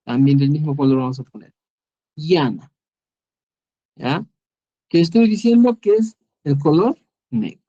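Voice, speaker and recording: A man's voice: a little high, a little slow, pauses often, mellow, highs cut off. A man with a Peruvian Spanish accent teaching a Quechua lesson over a screen recording, patient and repeating each word, often checking in with "¿ya?". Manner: patient, repeats words and asks "¿ya?".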